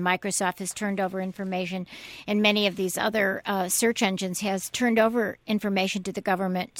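Female radio host, pointed and quick, dry studio sound. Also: mid-range voice, fairly bright tone, dry recording. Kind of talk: radio interview.

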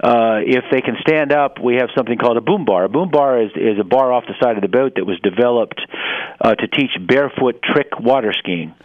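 A man in his sixties explaining things as a radio interview guest, speaking haltingly with many pauses and repeated words. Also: medium pitch, narrow, tinny audio. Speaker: interview guest, head of an adaptive sports organization.

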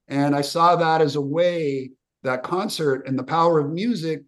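A man's voice: a little high, normal speed, fairly bright tone. A man from the former Yugoslavia, a film director, answering interview questions in an earnest, reflective, run-on manner.

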